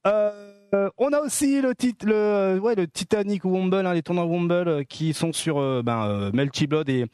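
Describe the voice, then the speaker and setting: A man's voice: high-pitched, moderate pace, darkish tone, smooth, dry recording, clean studio sound. A man hosting a casual gaming stream, joking and teasing his co-hosts with lots of fillers. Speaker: host of a fighting-game news stream.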